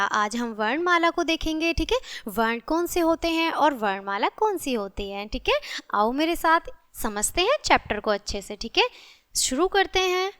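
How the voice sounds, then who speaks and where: A woman's voice: high-pitched, bright, forceful tone, no room sound, studio quality. A woman teaching a grammar class to young children, checking "okay?" after nearly every phrase and repeating each point in simpler words. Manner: asks "ठीक है?" after almost every phrase.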